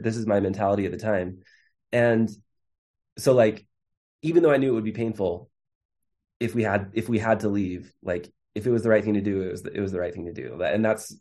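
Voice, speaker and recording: A man's voice: fairly low pitch, warm tone. A man in his thirties, an interview guest, telling his story in a casual way, with many fillers and restarts. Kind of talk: conversational storytelling.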